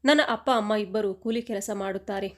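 A woman's voice: medium pitch, fairly even intonation, a little fast, close to an everyday voice. Woman reading as a polite young village servant. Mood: pleading.

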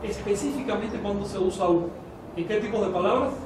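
A man's voice: sits high, a little fast, background noise. A man teaching a language class, quizzing his students and prompting them to think. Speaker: Nahuatl teacher. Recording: echoey room from far off.

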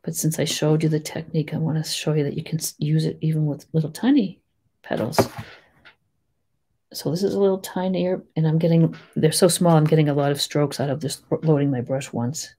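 A woman with a Boston accent giving a chatty, rambling step-by-step painting tutorial, full of gentle little asides. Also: low-pitched, steady tone, fairly quick, slightly rough. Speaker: painting teacher.

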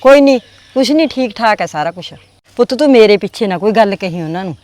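An older woman with a Punjabi accent playing an aunt in a village family drama, speaking gently and evasively. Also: mid-range voice, expressive, fast talker.

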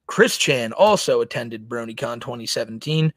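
A man's voice: medium pitch, lively intonation, normal speed, dry recording. A man hosting a casual commentary podcast, crude and mocking, talking to his chat. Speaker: podcast host.

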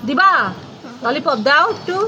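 A woman's voice: sits high, measured pace, muffled recording, music in the background. A woman, a mother and vlogger, coaxing and fussing over her toddler in a casual family home video.

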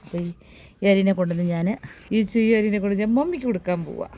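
A woman's voice: medium pitch, lively intonation, quick pace, mellow, slight background noise. Chatty woman vlogging at home. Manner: chatty, talking to camera while doing chores. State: in pain from a hurt hand. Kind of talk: casual home vlog chat.

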